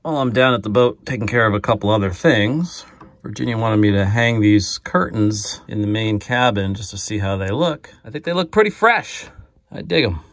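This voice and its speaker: A man's voice: on the low side, expressive, moderate pace, fairly bright tone, dry recording. A man chatting casually and reassuringly with his partner about her sewing. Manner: easygoing, reassuring. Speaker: boat owner, co-host. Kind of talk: casual chat.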